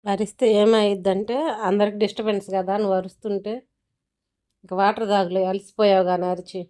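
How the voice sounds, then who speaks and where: Fast-talking woman vlogger with a mellow voice. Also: medium pitch, level tone. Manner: chatty, explanatory. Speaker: vlogger, pet owner. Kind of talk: casual vlog narration.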